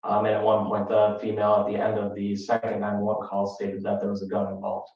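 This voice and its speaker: A man's voice: fairly low pitch, completely flat delivery, fairly quick, darkish tone. A man, a police trooper, testifying in court in a hesitant way with many ums. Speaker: state trooper witness. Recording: distant, dull, echoey courtroom audio.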